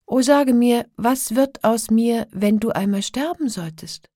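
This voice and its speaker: A woman's voice: unhurried, dark tone, no echo, studio quality. A woman voicing a young captive princess who sounds fearful and plaintive, in a spoken fairy tale. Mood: pleading. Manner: higher, plaintive.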